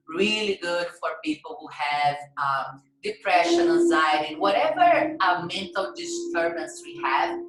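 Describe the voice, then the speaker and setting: A woman teaching a yoga class, guiding breathing with calm, soothing instructions. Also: lowish voice, noisy background. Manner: calm, soothing, slow guidance with frequent "yes" and "right?". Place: yoga studio. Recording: echoey room.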